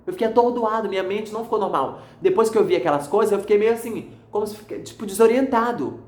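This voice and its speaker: A man with a high-sitting voice talks quickly in an echoey room. He is a pastor delivering a fervent, repetitive religious testimony, calling his listeners his brothers.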